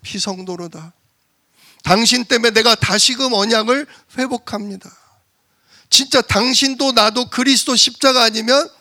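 Gravelly high-voiced male preacher. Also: sharp tone. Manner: emphatic, rhetorical questions and repetition. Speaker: pastor. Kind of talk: sermon.

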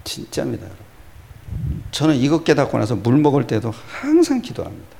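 A man preaching a sermon as pastor, swinging from loud exclamations to hushed whispers and answering his own rhetorical questions. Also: mid-range voice, wildly swooping pitch, a little fast, vocal fry.

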